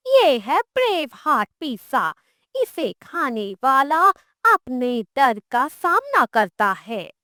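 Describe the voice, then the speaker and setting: A woman voicing a mysterious female witch who sells pizza in a cartoon story, speaking slowly and soothingly. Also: high-pitched, very animated, sharp tone, dry recording, clean studio sound, exaggerated voice. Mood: calm, knowing. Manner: slow, soothing, knowing.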